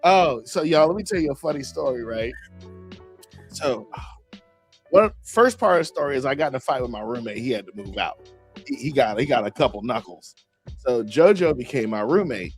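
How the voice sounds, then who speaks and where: A man's voice: medium pitch, normal speed, faint music behind. A man hosting a podcast, chatting casually and telling stories full of slang and laughter. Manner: slangy, animated storytelling with frequent laughs. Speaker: podcast host. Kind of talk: casual chat.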